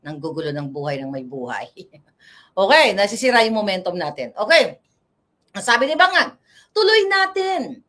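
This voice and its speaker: A woman's voice: on the low side, sing-song, moderate pace, pauses often, pushed and bright. A woman from the Philippines doing casual political commentary, mocking and combative, talking straight to her viewers.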